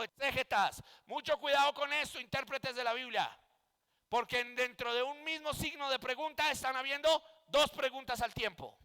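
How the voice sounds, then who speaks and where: Male preacher-teacher, very high pitch, emphatic lecturing with rhetorical questions, heard in a reverberant hall. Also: bright, forceful tone. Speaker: Bible teacher and pastor. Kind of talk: Bible exegesis class.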